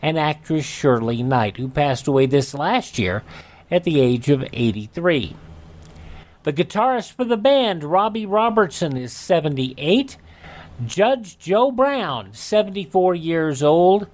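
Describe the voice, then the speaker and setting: This American man's voice sits fairly high and swings widely in pitch as he speaks slowly. He is a radio host presenting this-day-in-history items in an informal, scripted style.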